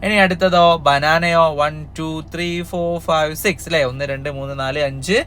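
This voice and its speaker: A man's voice: on the high side, steady tone, unhurried, fairly bright tone, a little hiss or hum. A man teaching young children in a cheerful, coaxing way, asking them lots of questions as he goes through an exam paper. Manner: cheerful, coaxing, asks kids many questions. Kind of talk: upbeat exam-prep lesson for young children.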